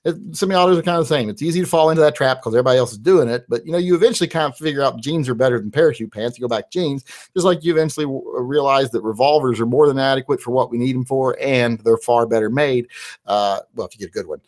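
A medium-pitched, slightly mellow male voice moves at a quick pace. He's a West Virginian in his forties hosting a live-stream Q&A, rambling chattily through viewer questions with frequent "uh"s. His small home studio has a large studio mic on a boom, and he wears headphones.

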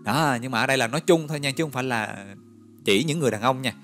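A man's voice: medium pitch, fast talker, faint music behind. Man teaching vocabulary. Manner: lively, storytelling, coaxing with questions. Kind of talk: recorded vocabulary lesson with memory stories.

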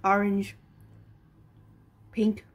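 A young woman talks casually to the camera in a small bedroom while eating sour candy. Her voice sits at a middling pitch, and she speaks in short remarks between bites, recorded at about arm's length. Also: completely flat delivery, extremely slow. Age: young adult. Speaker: vlogger.

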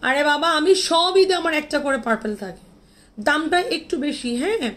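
Expressive, brisk and high-pitched with a bit of brightness, this woman from Bangladesh sells clothes on a live stream for her online boutique. She shows dresses, chats casually, and reads out and answers viewer comments, mixing in English words.

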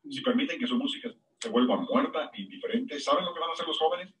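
A man preaching a sermon, with sudden high-pitched emphasis on key words. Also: fast, distant mic, a little hiss or hum, low-quality recording. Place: church.

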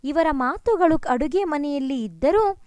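A woman's voice: high voice, lively intonation, unhurried, a little mellow, dry recording, studio quality. A woman narrating a family story, reading steadily and expressively.

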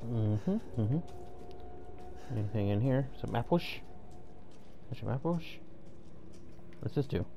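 A man's voice: medium pitch, expressive, slow pace, pauses often, highs cut off, background noise. A man giving casual, wry let's play commentary, muttering reactions and swearing. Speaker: gaming video host. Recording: loud game sound behind the voice.

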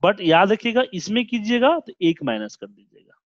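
A man's voice: high-pitched, sing-song, normal speed, dry recording, lo-fi sound. A male computer trainer giving a hands-on spreadsheet lesson, explaining step by step and checking in often.

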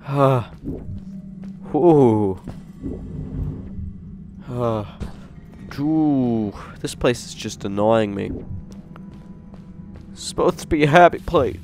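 A man hosting a gaming channel, giving jokey, excitable let's play commentary and talking to himself. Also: medium pitch, drawn-out words, long pauses, faint music behind.

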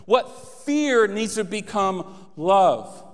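Speaking extremely slowly yet very animated, a high-voiced pastor in his thirties delivers a fervent sermon into a handheld mic on a church stage. He builds to emphatic exhortation amid long hall reverb.

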